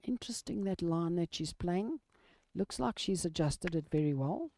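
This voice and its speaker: A woman giving live lawn bowls commentary in a measured golf-style manner, describing each shot in short phrases. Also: fairly low pitch, animated, warm tone, a little hiss or hum.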